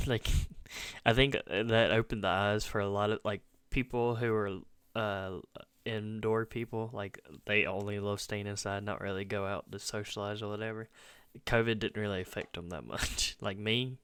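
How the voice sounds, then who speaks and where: A man's voice: fairly low pitch, fairly even intonation, normal speed, fairly bright tone, smooth, no room sound. A man giving casual, informal live reaction commentary as a streamer, often chuckling between remarks.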